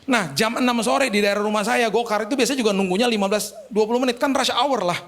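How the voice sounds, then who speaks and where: A male pastor, preaching a sermon through lively, humorous storytelling. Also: sits high, fast talker.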